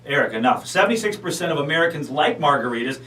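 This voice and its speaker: A man's voice: on the high side, lively intonation, fast talker, sharp tone. A man hosting a rock radio show with casual live banter. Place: radio studio. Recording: echoey room, distant mic, faint hum.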